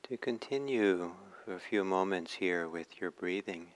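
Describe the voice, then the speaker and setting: A man leading a guided meditation as a teacher, speaking in short phrases with hushed pauses between them. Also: deep voice, low-quality recording.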